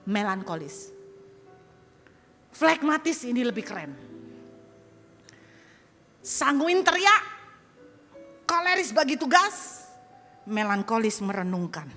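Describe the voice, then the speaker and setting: A middle-aged woman pastor, preaching and acting out personality types with lively voices. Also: a little high. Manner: animated, acts out temperaments with quick voices and laughs. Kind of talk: sermon. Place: large church hall. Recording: echoey church hall with soft music.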